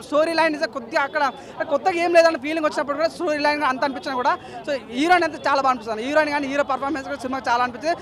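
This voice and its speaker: A man with a very high voice gushes about a film at a rapid clip. He repeats himself with enthusiasm and keeps calling the listener "bhaiya". The recording was made on a street with a faint crowd behind him. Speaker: moviegoer giving a review. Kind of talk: gushing street review.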